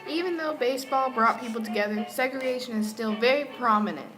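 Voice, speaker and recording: A young woman, acting as a student presenter, reads scripted newsreel narration over clearly audible background music. Her voice is on the high side and she speaks quickly.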